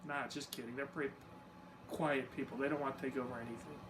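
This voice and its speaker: A man with a mid-range voice talks quickly to camera, explaining things casually. He is easygoing and self-deprecating, tossing in informal asides, while a distant mic picks up steady background noise.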